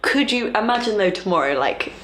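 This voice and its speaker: A woman's voice: medium pitch, expressive, a little fast, fairly bright tone, slight background noise, poor audio. A young woman co-hosting a casual chat, talking in a musing, hesitant way. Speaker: podcast co-host.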